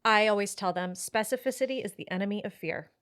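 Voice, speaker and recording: A woman talking as a money coach in a casual podcast conversation, animated, acting out her clients' voices and swearing casually. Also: medium pitch, fast, smooth.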